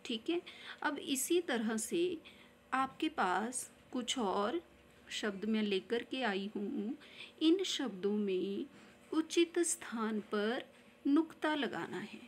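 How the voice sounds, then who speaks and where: Woman teacher, very slow deliberate delivery, slightly high voice, faint hiss behind; patient classroom explainer who repeats every example. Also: expressive. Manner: repeats each example word slowly, often asks "ठीक है". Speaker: Hindi grammar teacher.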